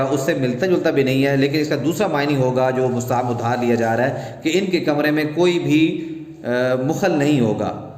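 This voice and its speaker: A man's voice: mid-range voice, a little mellow. A male Urdu teacher lecturing to students, explaining and defining words, recorded in an echoey room. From Pakistan. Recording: echoey room, long reverb.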